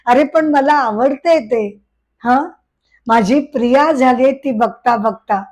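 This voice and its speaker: A woman voicing a gentle, loving male god who speaks softly and reassuringly in a spoken devotional tale. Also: high-pitched, slow pace. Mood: tender.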